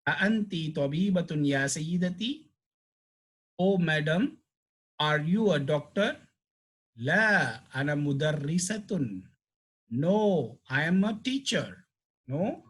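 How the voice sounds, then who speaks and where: Brief: male language teacher, slow and patient, husky voice. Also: a little high, expressive, a bit bright. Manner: explains slowly, repeats phrases, translates word by word. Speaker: Arabic teacher. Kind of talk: language lesson.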